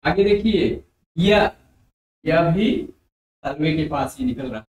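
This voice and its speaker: A man teaching a Hindi grammar lesson for exam preparation, explaining slowly and repeating letters and sounds aloud for his students. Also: a little high, animated, a little mellow. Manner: addresses viewers as dear friends. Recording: very echoey room.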